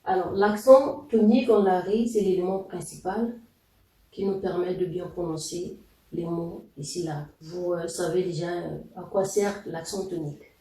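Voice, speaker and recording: A man teaching a language lesson, explaining slowly and deliberately with pauses and fillers. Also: high-pitched, fairly even intonation, warm tone, distant mic. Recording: echoey room, voice off-mic.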